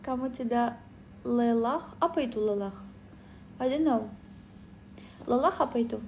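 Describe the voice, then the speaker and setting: A Belarusian woman chats casually on a phone livestream, answering comments in a somewhat high, slightly mellow voice over a little hiss or hum. Tired and sleepy, she often halts to search for words, filling many pauses with "eh".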